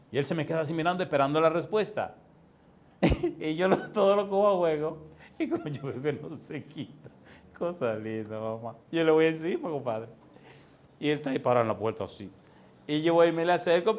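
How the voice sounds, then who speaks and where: High-voiced Dominican preacher telling stories. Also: male voice, a little mellow. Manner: folksy, chuckling anecdotes. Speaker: pastor. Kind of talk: storytelling sermon.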